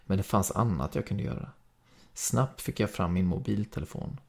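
A man with a Swedish accent reading a story aloud in calm, steady first-person narration. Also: deep voice, gravelly, breathy edge. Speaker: podcast reader.

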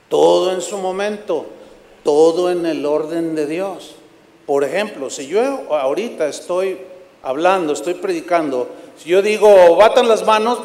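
High-voiced animated preacher in an echoey hall. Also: male voice. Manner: animated storytelling, acts out shouting congregants. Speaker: pastor. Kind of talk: sermon. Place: church sanctuary.

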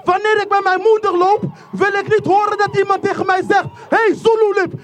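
A speaker from the Netherlands giving an impassioned protest speech outdoors, repeating lines and rising into shouts. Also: very high voice, level tone, fairly quick. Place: outdoor protest rally in rain. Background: faint crowd.

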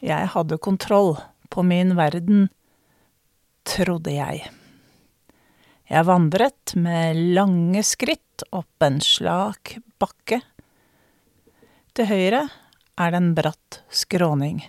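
A middle-aged woman from Norway, a storyteller telling a personal episode and an old tale in a measured, reflective way. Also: lowish voice, a little mellow, no echo, clean studio sound. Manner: measured, reflective, with drawn-out dramatic words. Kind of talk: spoken storytelling performance.

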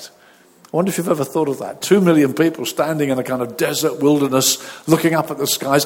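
A man, a pastor at a pulpit microphone, reading scripture, praying and preaching in a measured, deliberate way. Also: fairly high pitch, gravelly, slightly rough. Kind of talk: sermon with scripture reading and prayer. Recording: long reverb of a large hall.

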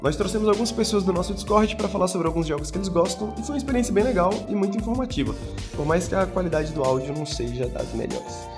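A man's voice: high-pitched, animated, quick pace. A man with a Brazilian accent gives a casual podcast introduction. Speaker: podcast presenter giving an introduction. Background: music.

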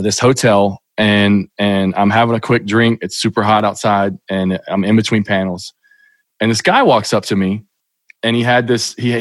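A middle-aged man from Kentucky, USA, appears as a podcast guest and tells stories in a casual, rambling way, restarting often. His voice is lowish, and the recording has no echo.

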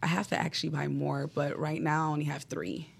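A woman's voice: sits low, level tone, brisk, vocal fry, husky. A woman with a female voice chatting casually as a guest on a talk show. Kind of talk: casual chat.

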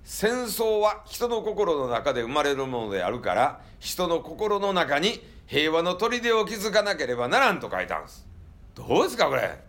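A man's voice: fairly high pitch, big pitch swings, normal speed, a bit bright. A man with a Kansai accent, a temple monk giving a joking, folksy talk to a tour group.

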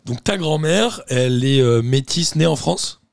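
Man, podcast host, gravelly voice, dry close sound, casual questioning. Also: mid-range voice, a little slow, no room sound. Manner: relaxed, chatty, asks many questions. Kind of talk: casual interview.

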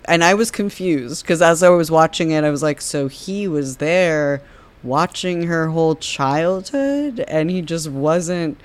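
A speaker on a movie podcast thinking out loud at length, posing questions and working through confusion. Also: medium pitch, a little slow. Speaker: podcast co-host or guest. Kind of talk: casual movie-discussion podcast chat.

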